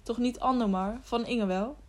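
A woman's voice: fairly high pitch, moderate pace, close to an everyday voice. A woman reading as a blunt commanding townsman. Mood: questioning. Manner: brusque questioning.

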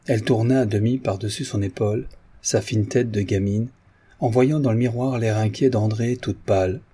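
A man reading a classic novel aloud as an audiobook narrator in a measured, literary way. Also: lowish voice, fairly even intonation, warm tone, breathy edge.

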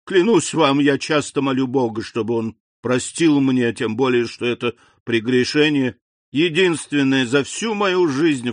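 A man voicing an anxious, remorseful middle-aged innkeeper who pleads in a hurried confession in an audiobook. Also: mid-range voice, no echo, natural voice. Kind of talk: audiobook character voice.

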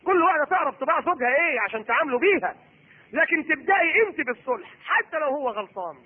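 A middle-aged man with an Egyptian Arabic accent preaches a sermon at a racing pace and an extremely high pitch, animatedly acting out the voices of a husband and wife. His husky voice comes through on a tinny, phone-like recording.

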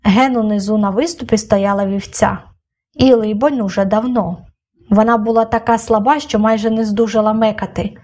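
A woman reading a children's novel aloud as an audiobook, with steady storytelling delivery. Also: mid-range voice, normal speed. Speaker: audiobook reader. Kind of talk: scripted narration of a children's novel.

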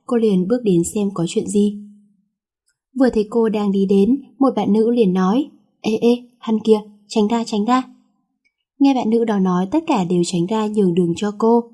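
A woman reading a teen romance story aloud in a lively narrating manner with chatty asides. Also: medium pitch, breathy edge.

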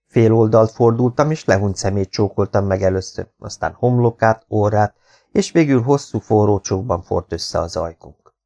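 A man reading a first-person story as an audiobook narrator, in a steady, measured way. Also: on the low side, vocal fry.

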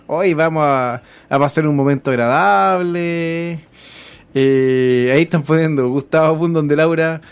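Chilean male co-host, a little high-pitched, easy joking banter. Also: clear, resonant tone. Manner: joking banter, sends listener greetings. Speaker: radio co-host. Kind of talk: casual chat. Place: community radio studio.

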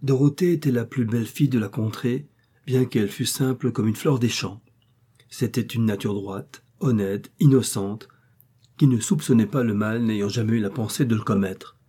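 A man reading an old moral tale aloud as a measured, literary narrator. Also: medium pitch, mellow, slightly rough. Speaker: audiobook narrator. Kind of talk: scripted narration.

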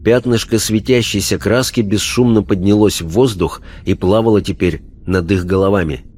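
Low-voiced male audiobook narrator. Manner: even, measured storytelling.

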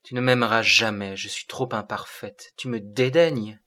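A man voicing a timid young girl in love who speaks softly and pleadingly. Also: fairly low pitch, steady tone, normal speed.

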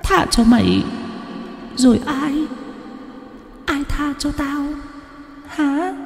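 A woman's voice: sits high, expressive, drawn-out words, vocal fry, a little mellow, roomy sound, big-room sound, soft background music, heavily acted. A woman voicing a vengeful young female ghost who taunts and threatens her victim in a rural horror story. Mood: menacing. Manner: taunting, menacing.

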